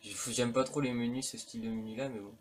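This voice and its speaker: A man's voice: medium pitch, steady tone, fast. A man giving casual, rambling commentary on a horror video game, full of hesitations and slang. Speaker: let's play commentator. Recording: faint background noise.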